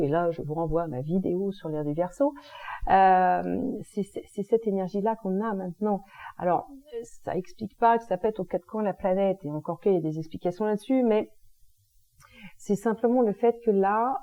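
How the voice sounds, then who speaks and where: Speaking at a normal pace in a mellow, medium-pitched voice, a woman who presents on energy healing and astrology explains astrology in a casual, chatty monologue. She leans on informal, slangy expressions.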